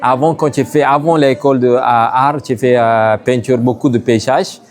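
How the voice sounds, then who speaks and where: A man from Sri Lanka speaks in a broken, halting way, stopping often to search for words. His voice sits at a middle pitch, and he answers questions at a gallery show. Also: steady tone. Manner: halting, broken French with many hesitations. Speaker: artist. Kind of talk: interview at an exhibition.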